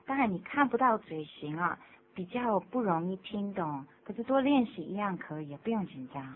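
A woman from the United States, a native English speaker, co-hosting a radio English lesson and calmly modeling phrases. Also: medium pitch, normal speed. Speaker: co-host, English teacher. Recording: tinny lo-fi radio broadcast with faint hum.

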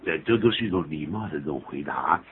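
A man's voice: rumbling low, fast. A man hosting a radio English lesson, explaining phrases in a chatty, joking way. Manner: jokey, animated, laughs at his own examples. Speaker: English teacher and radio host. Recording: tinny phone-like radio audio with faint hiss.

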